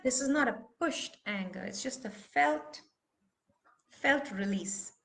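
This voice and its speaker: A woman's voice: on the high side, lively intonation, slow pace, gravelly, fairly bright tone. A woman leading a live online voice workshop, talking students through feelings and breaking into emotive vocal sounds. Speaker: voice teacher.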